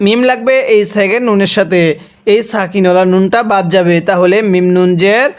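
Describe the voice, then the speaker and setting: A man teaching Quran reading, spelling out verses and reciting them slowly syllable by syllable, then explaining the rules at a quicker clip. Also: high voice, steady tone, clean tone. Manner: slow, drawn-out syllable-by-syllable recitation; switches to quick explanatory speech between recitations.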